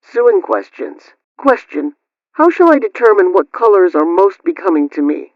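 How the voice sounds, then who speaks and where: Dull old-radio actress as prim housekeeping aunt. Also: female voice, medium pitch, sing-song, moderate pace, no echo, faint music behind. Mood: instructive. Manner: formal, instructive. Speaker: radio host. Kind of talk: scripted 1920s radio advice reading.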